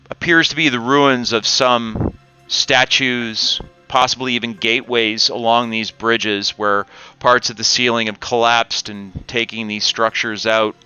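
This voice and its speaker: A man narrating a tabletop game as game master in a measured, descriptive way. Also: mid-range voice, bright, forceful tone, clear, resonant tone, lo-fi sound.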